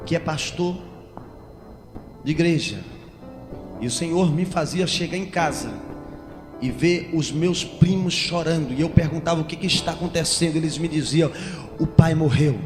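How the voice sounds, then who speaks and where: A man preaching a Pentecostal sermon with a Brazilian Portuguese accent, building to shouted, chanting passages and speaking in tongues. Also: on the high side, moderate pace. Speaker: pastor. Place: church. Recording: long church reverb with music.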